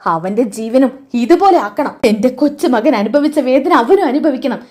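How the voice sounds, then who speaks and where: A woman's voice: sits high, animated, normal speed, a little mellow, breathy edge. A woman voicing an old grandfather who speaks with bitter indignation, in a serial recap. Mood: indignant. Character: stern old grandfather, vengeful.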